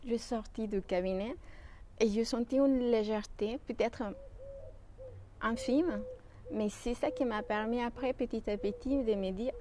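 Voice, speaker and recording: A woman with a Mexican Spanish accent talks in French about her practice, her tone warm and mellow. She hesitates often, restarting phrases and filling pauses. A faint hum of ambient noise sits under her voice. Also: mid-range voice. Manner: hesitant, many fillers and restarts. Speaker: shiatsu practitioner. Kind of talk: interview answers.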